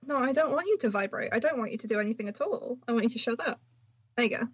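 A woman's voice: fairly high pitch, quick pace, slightly rough, no room sound, poor audio. A woman co-hosting a podcast in casual chat, with a slight lisp, joking and swearing over a voice call. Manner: sweary, joking, self-mocking. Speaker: podcast co-host. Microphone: voice call over computer.

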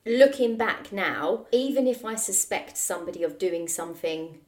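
A woman's voice: on the low side, animated, normal speed, recorded from a distance. A woman co-hosting a podcast, talking frankly and emphatically. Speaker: podcast co-host. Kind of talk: casual chat.

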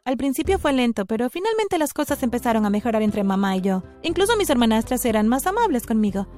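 A woman giving an expressive, scripted first-person narration of a story. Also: on the high side, quick pace, faint music behind.

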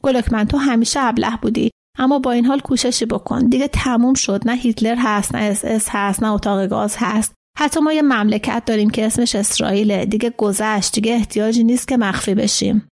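A woman's voice: fairly high pitch, steady tone, darkish tone, natural voice. A woman reading the part of an agitated older man, a camp survivor who pleads with his friend insistently, in a storybook reading. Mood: exasperated.

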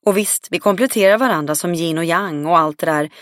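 Woman reading a swearing, self-assured woman friend; low voice, dry booth sound. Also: animated, no room sound. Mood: blunt. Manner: outspoken and emphatic, swears freely. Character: blunt, confident adult woman friend. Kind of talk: audiobook dialogue reading.

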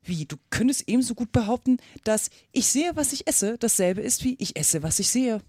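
A woman's voice: a little high, animated, normal speed, warm tone, dry recording, voice pushed up. A woman voicing a quarrelsome, riddling male hatter, scornful and lecturing, in a read-aloud storybook with a dry sound.

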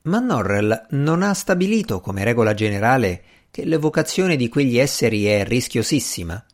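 A man reading the part of a cautious older gentleman politician in an audiobook, calm and mildly scolding. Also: medium pitch, normal speed, lightly acted.

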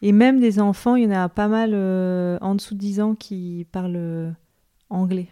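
Mellow-voiced woman, chatty guest. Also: mid-range voice, fairly even intonation, moderate pace. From France. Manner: friendly, laughing lightly between phrases. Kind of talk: casual podcast conversation.

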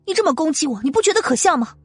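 A man voicing an indignant, proud young wife in an audiobook, firing off rapid, heated retorts. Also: very high-pitched, sing-song, dry recording, voice pushed up. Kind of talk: audiobook character voice. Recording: dry close mic with faint music.

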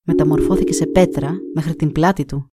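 A woman narrating a folk tale in a steady, even storytelling manner on a close mic. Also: sits low, no echo.

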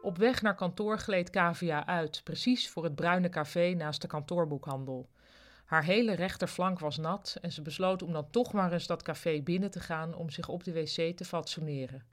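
A storyteller with a voice of middling pitch, reading a serialized podcast episode. The delivery is dry and even, letting the small absurdities speak for themselves. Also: moderate pace. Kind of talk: scripted narration.

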